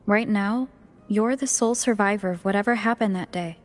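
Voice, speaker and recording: An actress voicing a calm young woman adventurer in video game dialogue, reasoning in a level way. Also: mid-range voice, normal speed, faint music behind, lightly acted.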